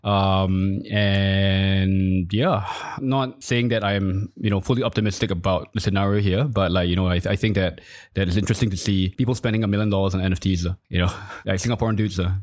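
Low-voiced guy rambling fast on a podcast, dry close sound. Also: fairly even intonation, darkish tone, dry recording. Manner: rambling, heavy on "like, you know" fillers. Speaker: podcast co-host. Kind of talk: casual podcast chat.

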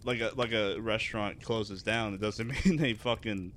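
Blunt low-voiced man venting about a movie. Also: fairly even intonation, normal speed, a bit bright, slight background noise. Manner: blunt, swears freely, restarts often. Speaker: podcast co-host. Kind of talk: casual film review chat.

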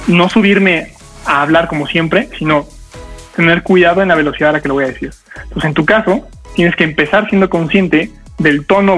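A man coaching an audience on public speaking, talking fast and energetically with lots of rhetorical questions. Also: on the high side, a bit bright, poor audio.

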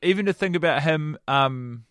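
A man's voice: on the high side, moderate pace, a bit bright, clear, resonant tone, no echo, studio quality. A man co-hosting a podcast in casual chat, rambling and hesitant with wry teasing. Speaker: podcast co-host.

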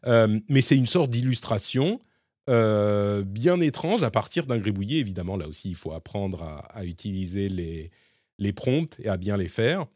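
A man's voice: fairly low pitch, expressive, normal speed, a little mellow, no room sound, clean studio sound. A man with a slightly hybrid French accent co-hosting a casual tech podcast, explaining with many fillers and restarts. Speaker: podcast co-host.

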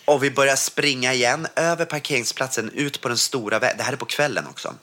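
A man's voice: mid-range voice, sharp tone. A man from Sweden telling a personal story in casual conversation, words tumbling out with many restarts. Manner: vivid, tumbling retelling full of restarts.

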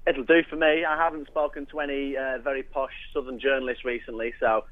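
A man's voice: mid-range voice, flat delivery, fairly quick, no echo. A man chatting casually about football as a guest over a telephone. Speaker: phone-in podcast guest. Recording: dull phone line.

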